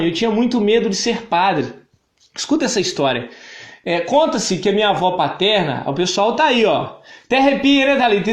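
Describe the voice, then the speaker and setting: A man in his thirties with a Brazilian Portuguese accent, giving a personal testimony to live viewers, emphatic and repetitive, often greeting them by name. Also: high voice. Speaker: church speaker sharing his testimony. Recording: echoey room.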